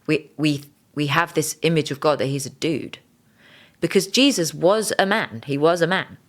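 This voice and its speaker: A woman's voice: sits low, moderate pace. A woman podcast host and singer-songwriter telling an earnest, openly emotional faith story, restarting her sentences often. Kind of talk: personal faith testimony.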